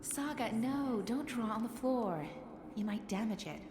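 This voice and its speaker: An actress playing a gentle, earnest young mother, devoted to her home, in a video game drama. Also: fairly high pitch, lively intonation, measured pace. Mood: gently admonishing. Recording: echoey room with clear background noise.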